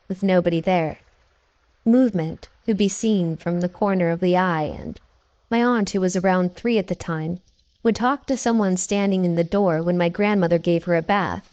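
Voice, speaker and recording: A woman narrating scary stories from a script, with steady, measured storytelling. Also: medium pitch, no echo, dull audio.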